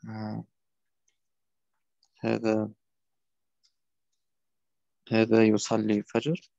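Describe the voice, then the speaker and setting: Hesitant gravelly male student. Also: lowish voice, monotone, unhurried, dark tone, no room sound, highs cut off. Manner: hesitant, many fillers. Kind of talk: answering in an online lesson.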